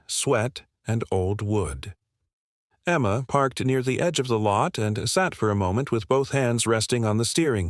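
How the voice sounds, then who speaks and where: A man reading a heartfelt animal story aloud in a measured, steady storytelling manner. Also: mid-range voice, no echo, studio quality. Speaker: narrator. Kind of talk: scripted story narration.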